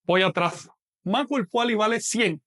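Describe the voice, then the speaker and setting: A man's voice: high-pitched, a little slow, fairly bright tone. A man teaching a live online lesson, patiently explaining step by step and asking questions that he then answers himself.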